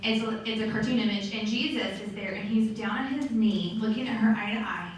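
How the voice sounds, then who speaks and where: A woman gives a lively, chatty motivational talk to a room of sales directors. She sits at a middle pitch and is picked up by a distant mic. The hall around her is very echoey, with a faint hum of noise underneath. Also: a little fast. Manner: lively, chatty, acts out quoted voices.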